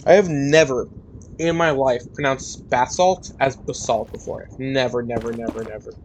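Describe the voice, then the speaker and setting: Young guy rambling over his game, mid pitch, kinda self-mocking, faint hiss behind. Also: moderate pace, low-quality recording. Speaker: gaming YouTuber. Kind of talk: casual gameplay commentary.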